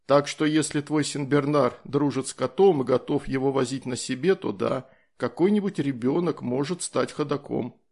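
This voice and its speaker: A man voicing a calm, easygoing soldier in an audiobook, explaining things in a matter-of-fact way. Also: medium pitch, normal speed, hardly any pauses, close to an everyday voice.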